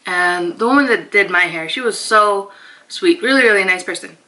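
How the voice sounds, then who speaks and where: Bright-voiced woman vlogger chatting. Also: medium pitch, normal speed, poor audio. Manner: chatty and animated, laughs often. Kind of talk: casual chat to camera.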